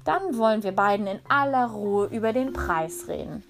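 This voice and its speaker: A woman voicing a pompous, irritable old male sorcerer who speaks loudly and haughtily. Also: mid-range voice, expressive, natural voice. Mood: gleeful. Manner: loud, haughty and quick to anger.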